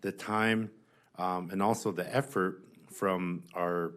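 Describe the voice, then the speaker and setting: A man giving spoken testimony as a witness at a hearing, earnest and insistent, often halting and restarting his phrases. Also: sits low, steady tone, fairly bright tone. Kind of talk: spoken testimony, answering questions.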